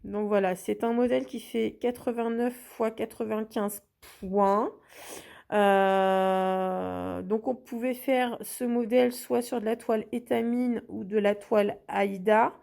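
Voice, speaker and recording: A woman's voice: mid-range voice, fairly even intonation, takes it slowly, vocal fry, darkish tone. A woman hosting a craft channel, chatting casually through an unboxing with lots of hesitations and restarts.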